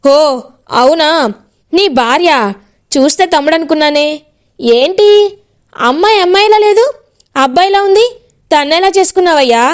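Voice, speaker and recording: A woman's voice: very high voice, animated, normal speed, long pauses. A woman voicing an arrogant, mocking older male boss in a retold serial. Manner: mocking, bossy.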